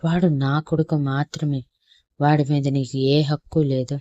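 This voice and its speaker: A woman's voice: very deep voice, steady tone, normal speed, no room sound, dull audio. Woman reading as an angry young mother. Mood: irritated. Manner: sharp, scolding.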